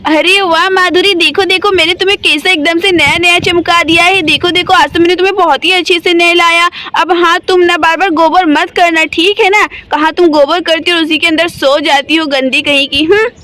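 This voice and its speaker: Cheerful chatty village woman, voiced by a woman, very high and bright. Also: steady tone, normal speed, hardly any pauses. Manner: chatty, teasing. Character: cheerful village woman caring for her cow.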